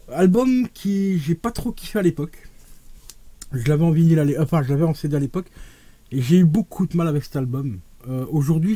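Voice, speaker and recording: A man hosts a casual unboxing vlog, talking to his viewers like old friends. His voice is dark and mellow yet sits a little high, and it leaps up and drops down as he gets carried away. The recording is dry and close. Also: dry recording. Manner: enthusiastic and chatty, addresses viewers as friends; animated, with sudden rises and drops in pitch and loudness. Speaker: vinyl collector youtuber.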